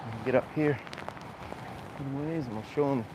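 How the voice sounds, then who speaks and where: A man's voice: medium pitch, normal speed, crowd noise. A man giving a conversational, explanatory live walking-tour commentary as host, recorded outdoors on town streets. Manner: conversational, explanatory, pointing things out. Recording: noisy outdoor street recording with urban ambience.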